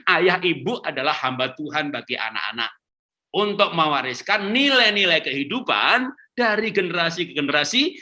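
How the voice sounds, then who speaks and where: Animated man giving a church parenting talk. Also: mid-range voice. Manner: animated, laughing, acting out quotes. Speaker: conference speaker. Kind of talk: lively sermon-style talk on webinar. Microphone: video call.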